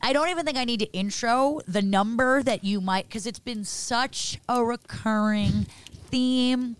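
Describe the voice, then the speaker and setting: A man's voice: very high voice, unhurried, smooth, no echo. A man co-hosting a radio show, teasing and sarcastic in casual banter.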